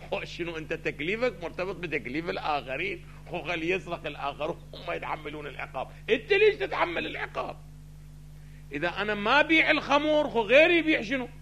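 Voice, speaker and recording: A man teaching a theology lesson, asking his listeners questions and answering them himself, swinging between loud stressed phrases and quiet asides. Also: high voice, very animated, quick pace, gravelly, a little hiss or hum. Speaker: religious teacher. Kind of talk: theology lecture mixing classical and colloquial Arabic.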